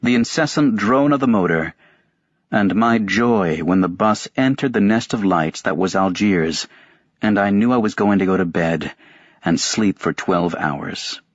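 A man narrating a first-person novel as a sleep audiobook, in an even, unhurried reading voice. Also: deep voice, no room sound. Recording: dry, dull-sounding recording.

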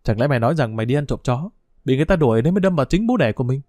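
A man voicing a sly, stubborn village dog thief who taunts and scorns in quick, rough speech. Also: medium pitch, expressive, darkish tone, dry recording, clean studio sound, lightly acted. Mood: scornful, taunting.

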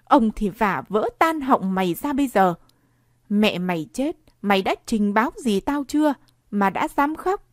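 A woman reading the part of a bullying old male village clerk, barking orders and threats slowly. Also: mid-range voice, expressive, no echo, studio quality, lightly acted. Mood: angry, bullying.

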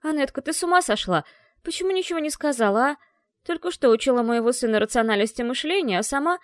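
A woman's voice: sits high, lively intonation, fast, no echo, studio quality, voice pushed up. A woman voicing an anxious, caring mother who fusses over her son and speaks firmly. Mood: scolding.

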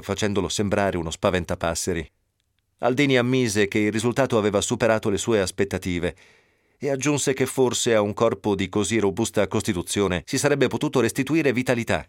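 Male radio reader, low voice, steady storytelling, dry close sound. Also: no room sound. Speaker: narrator. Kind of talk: audiobook reading on radio.

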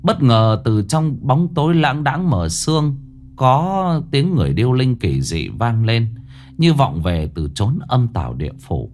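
A man narrating a ghost story in a slow, dramatic way, dropping to a hush at eerie moments. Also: mid-range voice, very animated. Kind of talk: scripted horror story narration. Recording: narration over faint music.

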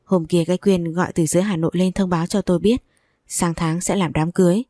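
Female storyteller, low and dark, dry close sound, steady first-person reading. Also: quick pace, dry recording. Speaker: story narrator.

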